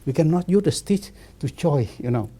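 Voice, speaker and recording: A Buddhist monk in his fifties speaking halting, repetitive non-native English with many restarts in a relaxed discussion. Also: fairly high pitch. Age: 50s.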